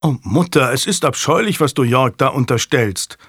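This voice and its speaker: A man's voice: medium pitch, lively intonation, moderate pace, a bit bright, breathy edge, no room sound, clean studio sound. A man voicing a bitter young nobleman who talks in a sullen, mocking way. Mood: scornful.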